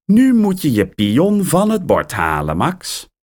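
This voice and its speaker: A man's voice: a little high, wildly swooping pitch, slow, a little mellow, voice pushed up, exaggerated voice. A man voicing an eager, cheerful young girl in a children's story, his voice raised and bouncy. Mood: excited.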